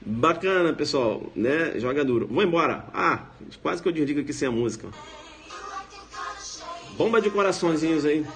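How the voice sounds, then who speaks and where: A man with a Brazilian accent, a law professor giving a casual live online lecture in a slangy, playful way, often tagging his sentences with quick questions. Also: on the high side, lively intonation, a bit bright, faint music behind.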